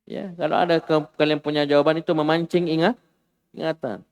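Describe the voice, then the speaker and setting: Animated male Arabic teacher, echoing room. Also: a little high, fairly quick, clear, resonant tone. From Indonesia. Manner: lively, animated, acts out exclamations. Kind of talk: classroom grammar lesson.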